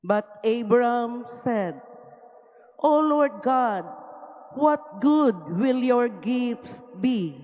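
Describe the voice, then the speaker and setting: A woman with a slightly high voice reads scripture extremely slowly. Her phrasing is solemn and deliberate, and it rings out in the long reverb of a cathedral. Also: darkish tone. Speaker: lector at Mass. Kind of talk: scripture reading.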